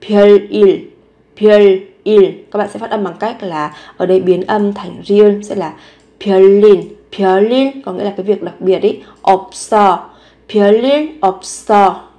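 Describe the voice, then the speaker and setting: A woman teaching short everyday phrases, repeating each one slowly before explaining it. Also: mid-range voice, warm tone. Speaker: Korean language teacher. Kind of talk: Korean lesson explained in Vietnamese.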